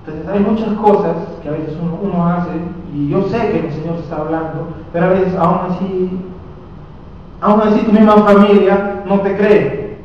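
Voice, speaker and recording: A young man in his late twenties with a Peruvian accent, preaching a sermon and telling emotional stories, often swelling loud on key phrases. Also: sits high, steady tone, moderate pace, slight background noise. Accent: Peruvian Spanish. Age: late 20s. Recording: echoey hall recorded from far off, dull.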